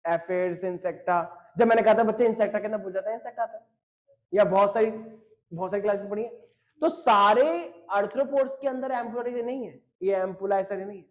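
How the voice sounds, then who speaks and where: High-voiced joking male biology teacher. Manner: jokey, teasing, talks straight to students. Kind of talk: online class lecture reading chat questions. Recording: dull lo-fi stream audio.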